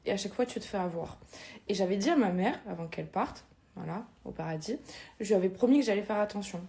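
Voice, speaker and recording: A woman's voice: medium pitch, animated, quick pace, vocal fry, mellow. A woman chatting casually in a vlog, walking viewers through her home and its renovation plans. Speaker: vlogger. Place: her house indoors.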